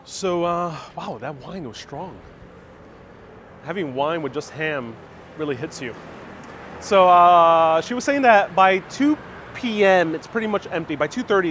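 A man's voice: fairly high pitch, fairly bright tone, a little hiss or hum. Chatty man live-streaming on a city street. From Puerto Rico. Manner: chatty, explains and translates as he walks. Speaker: travel vlogger live-streaming. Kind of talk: casual live-stream narration. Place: outdoors on a city street beside a market. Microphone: phone held at arm's length.

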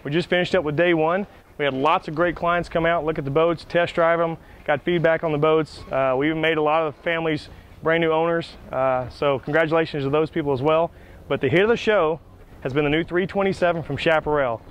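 A man's voice: fairly high pitch, fairly quick, clear, resonant tone. Upbeat man touring a boat. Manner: upbeat salesy and excited. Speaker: boat dealer host. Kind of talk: enthusiastic boat walkthrough. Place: outdoors at a marina on a boat.

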